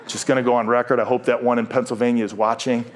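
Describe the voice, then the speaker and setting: A man's voice: medium pitch, flat delivery, fast talker, a faint crowd. A middle-aged man preaching a sermon as pastor, joking often and stumbling over repeated words. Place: church.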